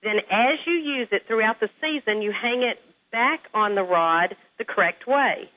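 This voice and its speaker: A woman's voice: fairly high pitch, expressive, moderate pace. Chatty woman on a phone line. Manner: chatty, laughs often. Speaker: home stager, guest. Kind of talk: casual interview on a phone line.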